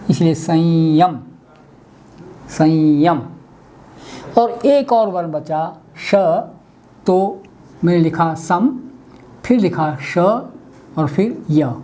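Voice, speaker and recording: A man giving a webinar lesson on pronunciation, spelling out letters one by one as he writes them and explaining each step deliberately. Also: sits high, warm tone. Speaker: Hindi language teacher.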